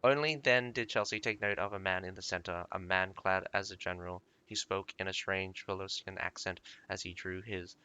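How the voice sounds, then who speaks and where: A man reads a fantasy game's story aloud, stopping often for rambling, filler-heavy comments. His voice sits low but sounds very bright and forward. The recording is dry and close. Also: steady tone, smooth, no echo. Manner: stops to comment, halting with fillers. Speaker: lore reader and streamer. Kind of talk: reading game lore aloud with commentary.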